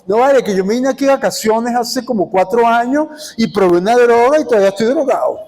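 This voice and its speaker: A man's voice: extremely high pitch, animated, a little fast, darkish tone, pitched above the performer's own voice. A man doing a toothless homeless youth. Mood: miserable. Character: homeless toothless young man, drugged and wasting. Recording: long hall reverb.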